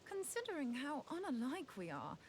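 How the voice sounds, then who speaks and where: A woman's voice: high voice, huge pitch swings, moderate pace, a little hiss or hum. A woman playing a plucky, wry female scholar in a video game, speaking in a chatty, informal way. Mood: reflective. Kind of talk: scripted video game voice acting.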